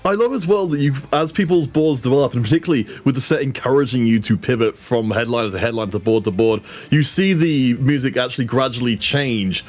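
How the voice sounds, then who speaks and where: A man doing live esports commentary, lively, acting out players' thoughts in quoted asides. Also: mid-range voice, fast talker, hardly any pauses, soft background music. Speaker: esports caster.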